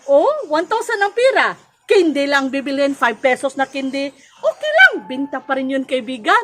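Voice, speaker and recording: Woman shop-owner vlogger from the Philippines, high bright pitch, chatty and friendly, laughs often. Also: moderate pace. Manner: chatty and friendly, often calls viewers 'friend' and laughs between points. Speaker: sari-sari store owner and vlogger. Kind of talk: casual advice vlog.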